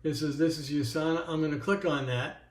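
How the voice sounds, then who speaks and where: A man's voice: fairly high pitch, brisk, echoey room, a little hiss or hum. A man presenting a casual workshop tutorial, talking while he clicks through screens, with frequent ums and restarts. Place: indoors at a computer.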